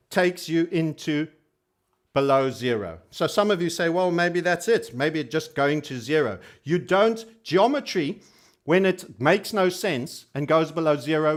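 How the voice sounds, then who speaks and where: Here a man with a somewhat high voice hosts a relaxed trading show on YouTube. His delivery is emphatic, he repeats phrases for emphasis, and his language is colourful and cheeky.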